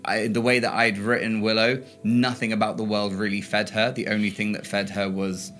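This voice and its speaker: Low bright guy, earnest podcast chat, kinda thinks out loud. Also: level tone, normal speed, faint music behind. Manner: earnest, thinks aloud with restarts. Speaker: player in a tabletop game podcast.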